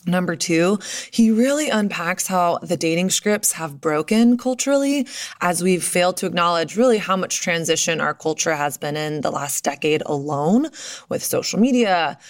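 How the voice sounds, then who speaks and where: A woman hosting a podcast in a chatty, emphatic, confiding way, talking straight to listeners with a towel over her head and microphone. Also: fairly low pitch. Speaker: podcast host. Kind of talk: upbeat scripted podcast introduction with casual asides, addressed to listeners. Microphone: computer and microphone under a towel draped over her head in an office.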